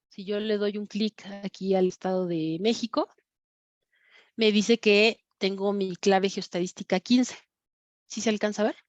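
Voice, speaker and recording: A woman with a Mexican Spanish accent teaching an online class, pausing often with fillers and correcting herself as she explains her screen. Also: mid-range voice, no echo. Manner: many fillers and self-corrections. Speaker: course instructor. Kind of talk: screen-sharing lecture on crime data.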